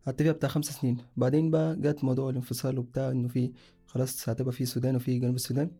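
A man's voice: mid-range voice, level tone, rapid-fire, mellow, breathy edge, soft background music. A young man from Sudan, casually telling his own story in a rambling way, often correcting himself mid-sentence. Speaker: guest sharing a personal story.

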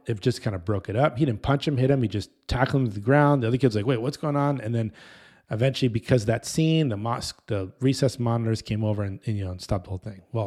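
A man in his thirties preaching casually, telling a story in an animated, rambling way that often breaks off and restarts. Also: on the low side. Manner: animated, rambling, self-interrupting. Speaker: pastor.

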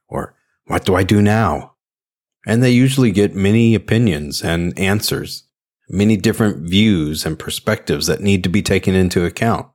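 A man hosting a solo podcast, speaking in an earnest, deliberate way with emphatic phrasing, as in a prepared talk. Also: deep voice. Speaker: podcast host, interpreter.

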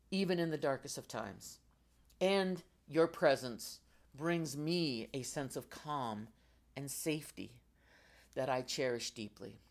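An older woman with a low voice delivers a motivational podcast monologue. She speaks in emphatic, deliberate phrases, swelling on key words and dropping away at the ends. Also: a little mellow. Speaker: motivational podcast host and coach.

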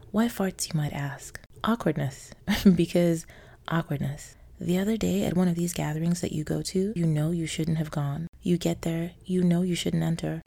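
On her own podcast, a Nigerian woman narrates a scripted story in a low, mellow voice with a gravelly edge. She sounds wry and sardonic, adding theatrical emphasis and letting soft laughs slip out.

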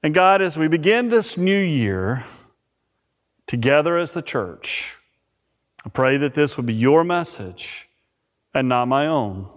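A pastor preaching a sermon at a pulpit microphone in a church, reading scripture and praying in a measured, emphatic way. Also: male voice, fairly high pitch, sing-song. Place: church sanctuary. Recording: reverberant church hall.

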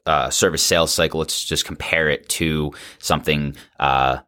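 A man's voice: extremely low pitch, steady tone, moderate pace, sharp tone, clean tone. A man co-hosting a casual business podcast, talking loosely with plenty of "like" fillers. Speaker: podcast co-host.

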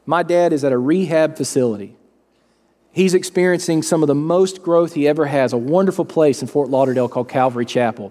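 Earnest pastor in an echoing hall. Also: male voice, mid-range voice. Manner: storytelling, earnest and animated. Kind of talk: sermon. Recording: long reverb of a large hall.

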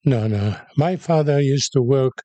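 Older guy telling his life story slow and reflective, dark mellow voice, dry close sound. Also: medium pitch, dry recording. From born in Haifa, raised in Cyprus. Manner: unhurried, reflective storytelling with pauses and fillers. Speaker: guest. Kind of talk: interview conversation.

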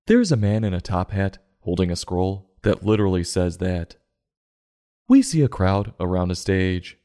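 A man's voice: low voice, lively intonation, normal speed, warm tone. A man hosting a comedic review show, narrating and commenting in an irreverent, sarcastic, profane way.

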